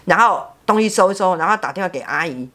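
A woman's voice: fairly low pitch, animated, quick pace, fairly bright tone. A middle-aged woman with a Taiwanese Mandarin accent, telling a family story as a podcast guest in a frank, blunt way, often repeating words as she talks. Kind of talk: personal storytelling chat.

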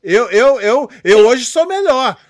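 A man's voice: very high-pitched, sing-song, slow. A Brazilian man with a Rio accent, a jiu-jitsu coach and father, talking emphatically in casual chat and often asking for agreement. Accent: Rio de Janeiro Portuguese.

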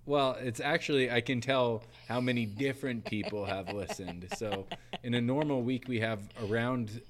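A man hosting a casual faith podcast, relaxed and chatty as he tells stories and asks questions. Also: medium pitch, moderate pace, a little hiss or hum. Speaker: podcast host.

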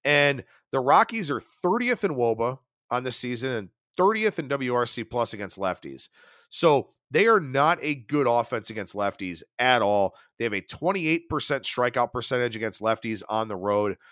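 Male betting podcast host, solo analysis, lively pitch, dry close mic. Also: dry recording. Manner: rapid stat-heavy delivery, animated.

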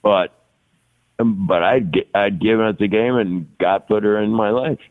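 His voice sits on the low side and his pace is a little slow, heard through a tinny line that sounds like a phone. A man in his 60s, he's a podcast guest in a casual interview conversation who talks at length, repeating words often and laughing between thoughts.

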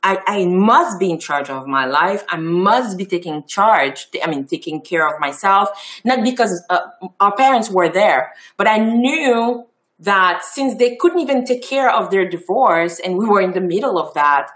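A woman's voice: mid-range voice, animated, unhurried. Haitian-accented woman giving a casual talk. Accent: Haitian French and Creole. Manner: warm, chatty, many ums and restarts. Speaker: festival founder giving a talk.

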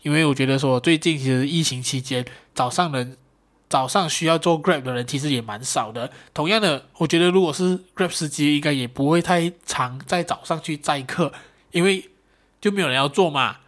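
A man's voice: fairly high pitch, fairly quick. Young man telling a story on his podcast. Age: young adult. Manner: animated storyteller, self-mocking, swears. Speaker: podcast host. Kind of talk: casual solo podcast storytelling.

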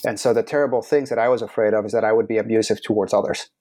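Man, forties, from the Netherlands, podcast guest, earnest, measured, halting storytelling. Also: lowish voice, fairly even intonation, darkish tone. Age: 40s. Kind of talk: reflective personal storytelling.

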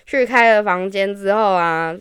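A woman's voice: medium pitch, normal speed, clear, resonant tone, no echo. Brief: candid female podcast co-host, dry studio mic sound. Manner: frank, animated storyteller. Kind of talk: casual podcast chat.

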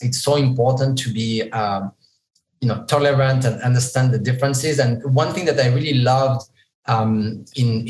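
A man in his forties with a French accent talks as a podcast guest, thoughtful and a little halting, stopping and restarting his sentences. His voice sits at an ordinary middle pitch. It is recorded in a noticeably echoey room. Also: a little mellow. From southeast France. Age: 40s. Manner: thoughtful, hesitant with many fillers and restarts. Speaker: guest, e-commerce executive. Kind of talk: casual interview chat.

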